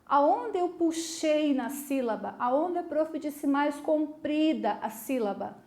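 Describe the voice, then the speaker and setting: A woman teaches a recorded video lesson with a high, clear voice. She is patient and encouraging, stopping often to ask if the class is following. The sound rings with the echo of a roomy space. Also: expressive, slow, a little mellow. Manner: patient, encouraging, asks the class many check questions.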